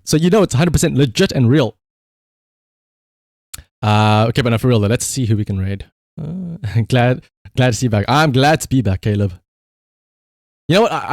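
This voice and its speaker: Chatting loosely to his stream viewers, a man rambles along and curses freely with a playful, exasperated air. His voice is on the high side, captured with clean studio sound and no room ambience.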